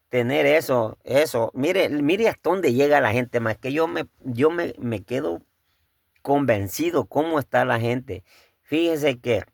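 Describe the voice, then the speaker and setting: A man preaches with a gravelly, creaky voice, talking to his listeners as brothers and posing one rhetorical question after another. He often halts and repeats words as he thinks aloud. The sound is dry and close, with no room echo. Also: medium pitch. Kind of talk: sermon.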